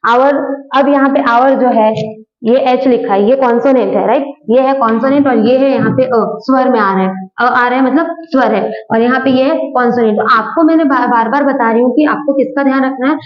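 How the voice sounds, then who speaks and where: A woman's voice: sits high, brisk. Woman teaching grammar in an echoey room. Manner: asks questions and answers them herself; repetitive, patient explaining. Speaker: English teacher. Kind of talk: spoken English grammar lesson. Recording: echoey room, dull lo-fi sound.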